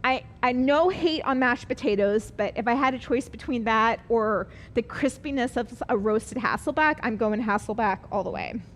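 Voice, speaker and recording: A woman's voice: on the high side, normal speed, hardly any pauses, a little hiss or hum. A woman teaching a live online cooking class, chatty and upbeat, explaining each step as she works.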